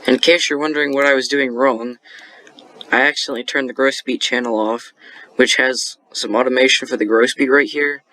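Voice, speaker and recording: A man's voice: medium pitch, steady tone, brisk, sharp tone, no echo. A young man casually explaining how he made a beat, rambling with lots of fillers and self-corrections. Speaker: beat-making tutorial host. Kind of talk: casual screen-recorded tutorial.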